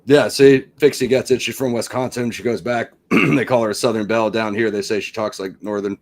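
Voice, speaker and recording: A man's voice: fairly low pitch, steady tone, fairly quick. A man hosting a casual film review chat, reading out trivia and riffing on it with lots of "you know". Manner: reads trivia then riffs on it; chatty, many fillers like "you know". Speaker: podcast host.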